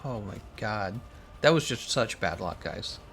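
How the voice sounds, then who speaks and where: A man's voice: fairly low pitch, animated, measured pace, a bit bright, soft background music. A man giving casual, slangy, exclamatory livestream commentary on a game while chatting with his viewers. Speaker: game streamer.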